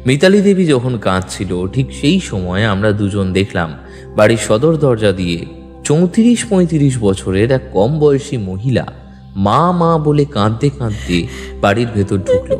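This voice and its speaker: A man tells a scripted first-person detective story with dramatic flair, his medium-pitched, darkish voice sing-song and unhurried. Background music and a long reverb accompany the recording.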